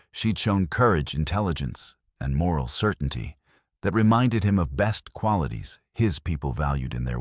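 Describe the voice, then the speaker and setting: A man narrating a scripted frontier story in a measured, even way. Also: deep voice, no echo, studio quality.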